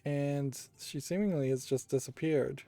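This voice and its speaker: Over game music, a male playthrough host thinks aloud while playing, giving relaxed yet analytical commentary. He speaks in a mellow, mid-range voice and takes his time.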